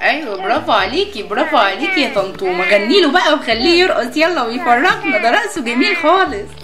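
A woman's voice: high voice, expressive, fast. A young woman with an Egyptian accent speaking as a coaxing mother in a children's toy role-play. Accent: Egyptian Arabic.

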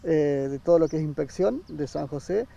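A man, a campground manager speaking haltingly in an outdoor interview. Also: fairly high pitch, vocal fry, warm tone. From Argentina. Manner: hesitant, many fillers and restarts. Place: outdoor park by a river. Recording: dull sound, faint outdoor noise.

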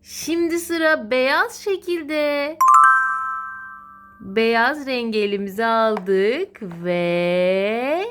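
Loud music plays behind a woman whose fairly high voice moves extremely slowly as she narrates educational play to her small child. As a mother, she is encouraging and sing-song, offering repeated praise. The home recording is clearly noisy, with clicks.

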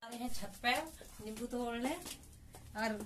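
In her twenties, a vlogger holds her phone at arm's length and shows things around a village courtyard and rooftop. Her voice is on the high side with little pitch movement, and she chats casually at a measured pace while outdoor sounds come through clearly.

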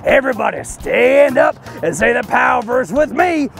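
A man playing a boisterous, boastful, folksy Southern trucker who hosts a children's Bible show with loud, exaggerated delivery. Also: very high voice, sing-song, normal speed, creaky, soft background music, exaggerated voice. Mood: jovial, boastful. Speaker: kids show host.

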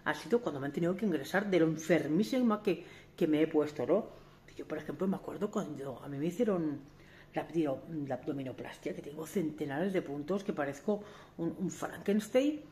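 A woman in her forties talks straight to camera in a family vlog. Her voice sits a little low. She is candid and emphatic, breaks off to restart, and keeps asking her viewers rhetorical questions. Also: animated, a little fast, dark tone, a little hiss or hum. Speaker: family vlogger. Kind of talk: talking to camera.

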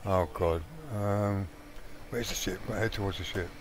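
A man talking through a survival game in a casual let's play, rambling and thinking out loud with plenty of ums. His voice sits on the low side. A faint hum runs underneath. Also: fairly even intonation, normal speed. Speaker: gaming channel host.

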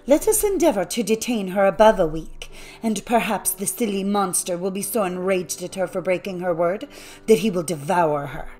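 A woman voicing a jealous, scheming older sister in an audiobook fairy tale; she speaks slyly and hushed. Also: mid-range voice, lively intonation, normal speed, faint music behind, close to an everyday voice.

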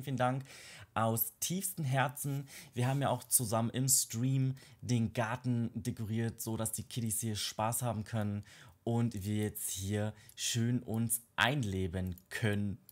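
A man hosting a casual game let's play, gushing and excitable, often squealing up high over cute moments. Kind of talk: casual gameplay commentary.

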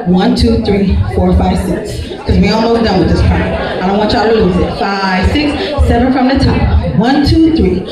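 A woman instructor calling out dance steps and counts to a group in a loud, projected, drawn-out way. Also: mid-range voice, far from the mic. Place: large hotel banquet room, on a small stage. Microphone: handheld microphone through PA, filmed from across the room. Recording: echoey PA in big room, from afar. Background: music and crowd noise.

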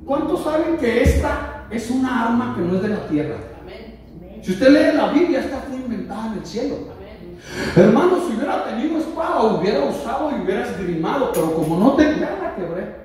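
A man preaching a lively sermon, joking with the congregation and raising his voice to shout. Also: very high-pitched, a little fast. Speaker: pastor. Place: church hall. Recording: echoey church from far off.

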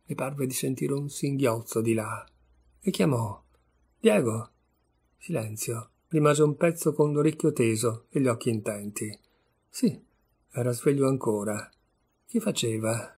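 A man narrating a literary short story in a measured, expressive reading. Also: mid-range voice, husky. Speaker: audiobook narrator.

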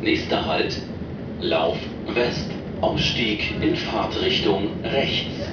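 A man reading scripted station announcements in a formal, measured way over a train intercom. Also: lowish voice, expressive, lo-fi sound. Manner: formal, measured, in short set phrases. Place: inside a commuter train carriage. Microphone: recorder far from the train's loudspeaker. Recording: echoey, noisy train cabin, distant loudspeaker. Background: loud train noise.

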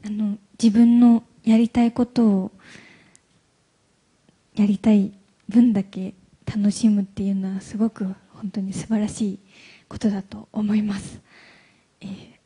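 A young woman from Hyogo, a guest actress speaking softly and hesitantly in a live stage interview. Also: medium pitch, flat delivery, slightly rough. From Hyogo, Japan. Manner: soft-spoken, hesitant, halting. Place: event hall stage.

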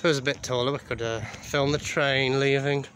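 A man's voice: medium pitch, fairly even intonation, brisk, a bit bright, slight background noise. A man giving casual, wry commentary while filming trains and graffiti in an alley beside a railway station. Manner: wry, offhand, amused asides.

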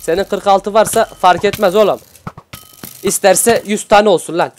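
A young man from Adana giving excitable, slangy live commentary over a video game for his channel's viewers. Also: high voice, normal speed, slight background noise. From Adana, Turkey. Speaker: gaming YouTuber.

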